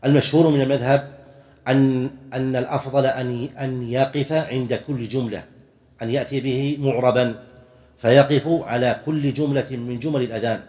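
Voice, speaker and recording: A man delivering a classroom-style religious lecture at a mid-range pitch. He explains each point step by step in a measured, patient way, now and then clearing his throat or restarting a phrase as he goes. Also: fairly even intonation, dark tone, long reverb tail. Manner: measured, explanatory, demonstrates pronunciations. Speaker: religious teacher. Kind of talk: classroom lecture on worship rules.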